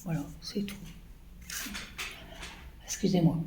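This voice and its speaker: A woman talks slowly and haltingly to her viewers about her embroidery, filling gaps with hesitations. Her voice sits low and mellow, and her throat sounds choked. The recording is roomy and echoey, with faint noise behind her. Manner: hesitant, many fillers. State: coughing, choking. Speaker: embroidery vlogger. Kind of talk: casual chat to viewers.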